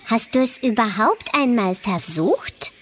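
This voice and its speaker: A woman's voice: fairly high pitch, animated, measured pace, a little hiss or hum, pitched above the performer's own voice. A woman voicing a small, cheerful, teasing fly in a children's story, encouraging and chirpy. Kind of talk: storybook reading.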